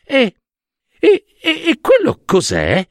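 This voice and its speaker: A man doing a shrill, gushing mother goddess. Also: wildly swooping pitch, takes it slowly, no room sound, studio quality, heavily acted. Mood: startled. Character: fawning insincere queen goddess, mother.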